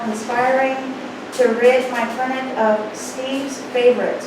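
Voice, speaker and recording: Her pitch is high as this former clinic manager, a middle-aged woman, delivers a prepared speech of complaint at a board meeting's public comment period. She speaks formally, deliberately and with emphasis. The audio, taken from a far-off room mic in an indoor public meeting room, is very reverberant and noisy.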